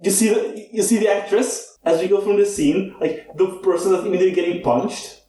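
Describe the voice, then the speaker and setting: A man's voice: sits high, brisk, dark tone. A man co-hosting a podcast in casual chat, rambling with lots of fillers. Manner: rambling, with many "like, you know" fillers. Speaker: podcast co-host. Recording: roomy, distant mic with faint noise.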